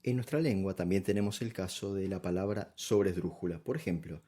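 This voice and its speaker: Patient low-voiced male teacher. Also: a little fast, mellow. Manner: patient, step-by-step, checks understanding with "¿sí?". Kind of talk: grammar lesson explanation.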